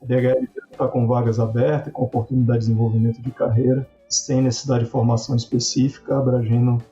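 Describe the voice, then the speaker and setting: A man, answering interview questions in a measured way, often tagging on a quick question. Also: mid-range voice, flat delivery, warm tone, lo-fi sound, soft background music. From Bahia, Northeast Brazil. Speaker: logistics executive guest.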